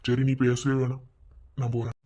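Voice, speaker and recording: A man's voice: medium pitch, completely flat delivery, normal speed, background noise, natural voice. A man voicing a young village husband in a cartoon, firm and pleading, with a Madurai Tamil accent. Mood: earnest. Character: young village husband, gruff but caring. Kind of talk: cartoon voice acting. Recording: dull lo-fi sound.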